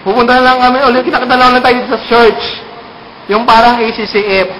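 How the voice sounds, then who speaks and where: A performer with a Filipino accent voices a jokey puppet that sends mangled-word greetings to a friend, playfully and casually teasing and repeating punchlines to explain them. The voice is medium-pitched with little pitch movement, fast, a bit bright and natural. The recording has a roomy echo and faint noise.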